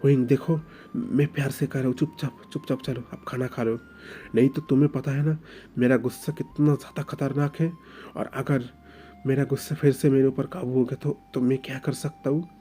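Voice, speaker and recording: A man's voice: medium pitch, fairly even intonation, moderate pace, warm tone, slight background noise, lightly acted. A man voicing a domineering young husband who coaxes and warns in turn, stammering a little. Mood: insistent. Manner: coaxing yet menacing, stammers. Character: possessive, domineering young husband, soft then threatening.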